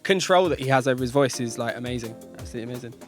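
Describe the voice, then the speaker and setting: A man's voice: mid-range voice, very fast. A man from London with a London accent, co-hosting a music show in casual chat. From Hackney, London, England.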